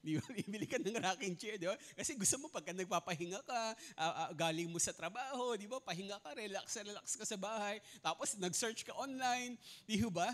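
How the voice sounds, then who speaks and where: A man's voice: high-pitched, brisk. A male pastor, preaching a sermon in a polite manner, often asking the congregation questions and leading them in reading aloud. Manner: animated, asks the congregation questions and leads group reading aloud; polite, tags many lines with respectful particles and "no?".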